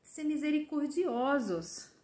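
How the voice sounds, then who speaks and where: A woman's voice: high voice, lively intonation, takes it slowly, a little mellow. Chatty Brazilian woman preaching, roomy sound. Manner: chatty, keeps adding "né?", often laughs. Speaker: religious preacher. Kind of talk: informal prophetic sermon to online followers.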